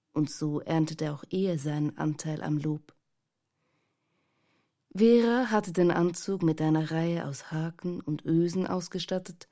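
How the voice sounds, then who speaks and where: A woman narrating a novel in a calm, measured storyteller's voice. Her tone is mellow and dark, sitting slightly low for a woman. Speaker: audiobook narrator. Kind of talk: scripted narration.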